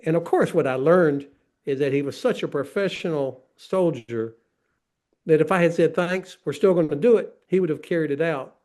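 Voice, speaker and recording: A man's voice: fairly high pitch, moderate pace, darkish tone. A man in his sixties, a retired army general, telling a self-mocking story on a video panel. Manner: self-mocking, laughing at himself. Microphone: video call.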